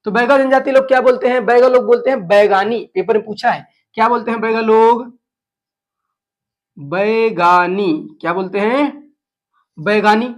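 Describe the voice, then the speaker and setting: A man with a very high voice, speaking a little fast, teaches an exam class by posing questions and answering them himself. His lecture drills exam facts, and he slips into Chhattisgarhi phrases.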